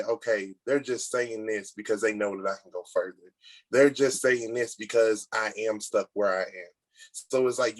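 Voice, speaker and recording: A man's voice: lowish voice, dry recording. Man, podcast host, dry close sound, earnest, acts out examples. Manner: earnest, explains with acted-out examples. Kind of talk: casual podcast conversation.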